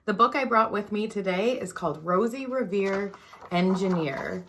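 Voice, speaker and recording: Reading a children's picture book at a moderate pace, a woman who serves on a school board tells the story in an expressive, sing-song way. Her mid-range voice now and then drops to a whisper.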